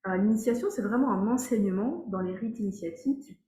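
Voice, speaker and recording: A woman's voice: medium pitch, quick pace, warm tone. A French woman explaining a spiritual practice in a casual monologue, hesitant, with many fillers and restarts. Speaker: energy healing teacher. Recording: echoey room.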